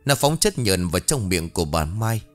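Low-voiced male storyteller. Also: normal speed. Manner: dramatic, expressive. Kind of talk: audiobook horror story narration. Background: faint music.

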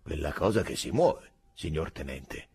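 A man voicing a calm, dutiful army sergeant who speaks evenly and slowly. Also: rumbling low, a little hiss or hum, full character voice. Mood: steady. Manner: even, slow, dutiful, matter-of-fact. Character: calm older male army sergeant, by-the-book.

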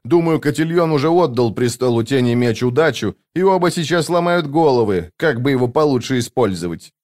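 A man's voice: medium pitch, expressive, fairly quick, a little mellow, natural voice. A man voicing a cold, curt soldier captain. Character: grim hardened male soldier captain.

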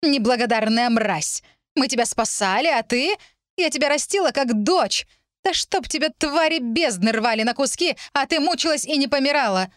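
A woman's voice: sits high, expressive, normal speed, fairly bright tone, no room sound, studio quality, pitched above the performer's own voice. A woman reading an audiobook, voicing a spiteful older woman who spits out curses. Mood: venomous. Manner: spitting, venomous.

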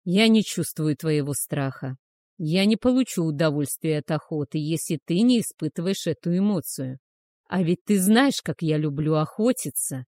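A woman's voice: fairly low pitch, expressive, slow pace, no room sound, studio quality. A woman growling as a cruel werewolf man. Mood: menacing. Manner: loud growling menace. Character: cruel arrogant werewolf man, predatory hunter.

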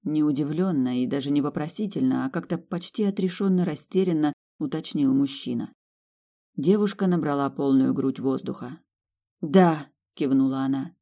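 A narrator reading a romantic novel aloud as audiobook narration, expressive and even. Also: mid-range voice, normal speed, vocal fry.

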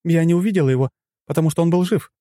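A female AI assistant gives flat, clipped reports, as a male narrator puts her on in falsetto. The voice is lifted high above his own, and the recording is dry. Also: rapid-fire, dry recording, natural voice. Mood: alarmed.

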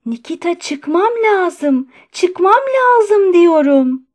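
A woman reader voicing an aging male doctor who pleads in a high, trembling, strained voice. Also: lively intonation, unhurried, darkish tone. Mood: desperate pleading.

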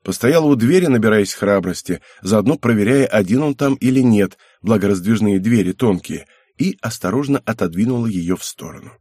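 A man reading an audiobook aloud in an even, matter-of-fact way. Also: fairly low pitch, brisk, few pauses, husky, no room sound, studio quality. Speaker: audiobook narrator. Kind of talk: audiobook narration.

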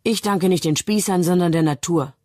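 A woman reading the part of a passionate, defiant young man who argues heatedly in a declamatory way, in a husky voice. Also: on the low side, moderate pace, warm tone, dry recording, studio quality, close to an everyday voice. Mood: stubborn.

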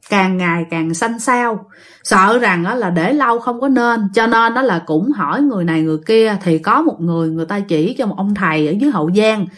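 A woman's voice: medium pitch, a bit bright. A woman with a Southern Vietnamese accent telling a ghost story in a chatty way, addressing her listeners directly. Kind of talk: casual ghost-story narration.

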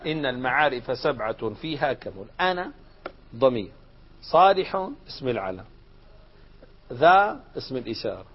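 A man's voice: mid-range voice, very animated, moderate pace, long pauses, slightly rough. A man teaching a grammar lesson, putting questions to his class and answering them himself, shifting between formal and colloquial speech. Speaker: sheikh teaching Arabic grammar. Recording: dull lo-fi lecture recording.

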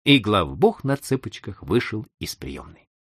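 A man reads a classic story aloud in an expressive audiobook style. His pitch moves freely and dramatically. The recording is close and dry. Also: a little slow, slightly rough, no room sound. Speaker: narrator.

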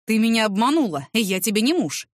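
A woman's voice: fairly high pitch, very animated, brisk, no room sound, studio quality. A woman voicing an angry, domineering male boss who barks accusations and sneers sarcastically. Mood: accusing.

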